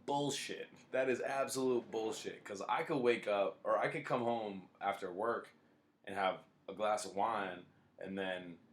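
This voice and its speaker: Blunt, profane man hosting a podcast. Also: fairly low pitch. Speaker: podcast host. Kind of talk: casual podcast chat.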